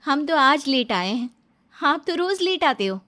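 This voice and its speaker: A woman voicing an upset young wife in a cartoon story, high-pitched and quarrelsome. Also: sing-song, measured pace, sharp tone, soft background music, heavily acted. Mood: complaining. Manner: high, emotional, complaining. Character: young wife, hurt and quick to argue.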